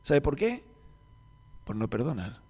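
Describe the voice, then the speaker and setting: Male Rioplatense pastor, sermon, middling pitch, storytelling with quiet dips and loud peaks, long hall reverb. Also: big pitch swings, measured pace, husky. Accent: Rioplatense Spanish. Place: church meeting hall.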